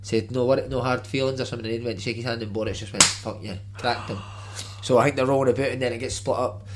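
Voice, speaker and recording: A man's voice: mid-range voice, steady tone, very fast. A man with a Glasgow accent telling casual anecdotes in matey, sweary street vernacular, over background noise. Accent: Glasgow, Scottish.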